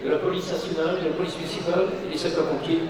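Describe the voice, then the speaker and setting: A man's voice: on the high side, little pitch movement, rapid-fire. A man reading out a formal, grandiloquent commemorative speech as a public official at a ceremony. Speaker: public official giving an address. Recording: very echoey, distant mic, crowd.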